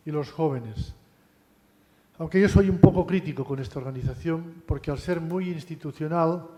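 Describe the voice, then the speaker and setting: A man giving a university lecture in a relaxed, conversational way, often adding tag questions and restarting phrases. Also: on the high side. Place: lecture hall. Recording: long hall reverb.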